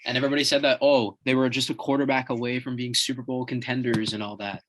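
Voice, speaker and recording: A young man with a mid-range voice, chatting on a casual sports podcast. He gives quick updates and stumbles a little when he reads aloud. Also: mid-range voice, level tone, a bit bright, a little hiss or hum. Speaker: podcast co-host. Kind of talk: casual chat.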